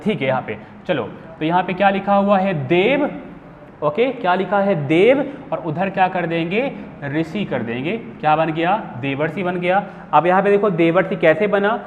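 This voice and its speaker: Male grammar teacher, young, high voice, quizzing and answering himself, phone-like sound. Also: unhurried. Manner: repeats questions and answers them himself. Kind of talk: classroom lesson. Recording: phone-like hall echo with faint hiss.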